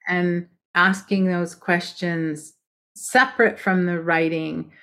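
A woman's voice: fairly low pitch, fairly even intonation, slow pace, pushed and bright. A woman book coach chatting as a podcast guest, emphatic and direct about how writing should be done. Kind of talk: casual podcast conversation.

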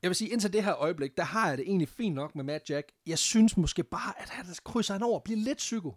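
A man's voice: high-pitched, lively intonation, no room sound, studio quality. A man casually telling a history story on a podcast, laughing often and swearing freely, with English phrases mixed in.

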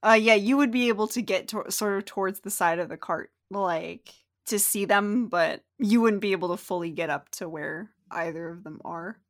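A woman's voice: mid-range voice, moderate pace, hardly any pauses. A woman narrating a tabletop role-playing game as game master, in a casual conversational way.

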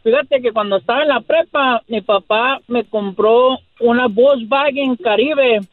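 A man's voice: extremely high pitch, unhurried, no echo. A middle-aged man with a northern Mexican accent calling a radio show, telling a slangy casual anecdote over the phone. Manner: colloquial, slangy storytelling. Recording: thin band-limited phone line.

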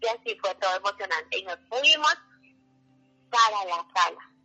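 A woman, a mother telling her birth story as a radio guest in an animated, emotional way. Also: mid-range voice, normal speed, soft background music, poor audio. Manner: animated, acts out the voices of others.

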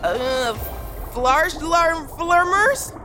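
A plucky kid adventurer, talks in a very high, earnest voice. The exclamatory, easily flustered delivery belongs to a children's audio adventure with music underneath. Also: female voice, lively intonation, extremely slow, sharp tone, full character voice. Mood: puzzled.

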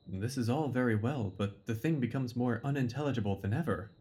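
An actor playing an earnest, puzzled Victorian doctor in an audio drama, with a questioning manner. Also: male voice, medium pitch, fairly quick, a little mellow, close to an everyday voice. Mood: baffled. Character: earnest, puzzled male Victorian doctor, loyal detective's companion.

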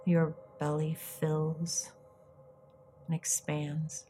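A woman hosting a guided meditation, speaking in a soft, breathy, soothing way with long pauses. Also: low-pitched, monotone, slight background noise. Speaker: guided meditation podcast host.

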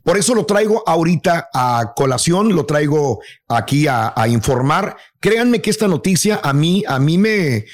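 A man hosting a radio talk show, telling a story with emphatic, animated delivery. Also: fairly high pitch, normal speed, hardly any pauses. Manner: animated, emphatic, acts out quoted voices. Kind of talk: casual radio chat, storytelling.

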